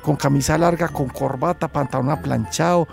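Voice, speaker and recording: A Colombian man telling his own story in a halting way, often restarting his sentences and acting out what people said. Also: a little high, fairly even intonation, vocal fry, over music. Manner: halting, with restarts and acted quotes. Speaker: interviewee. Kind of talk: personal storytelling.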